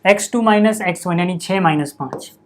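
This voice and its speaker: A man's voice: sits high, normal speed. A man teaching a maths lesson at a board, chatty, often checking in with his students. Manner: chatty, repeats 'theek hai' and 'yaar' to students.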